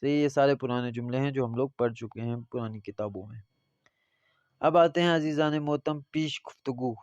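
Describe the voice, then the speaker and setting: A male teacher with a Pakistani Urdu accent giving a Persian language lesson, reading phrases slowly and then explaining them. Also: medium pitch, darkish tone, no room sound. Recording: slightly dull lo-fi audio.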